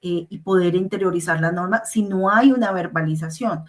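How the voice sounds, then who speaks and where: A woman's voice: on the low side, moderate pace. A woman in a parenting talk who affirms her guest and then tells her own everyday examples at length.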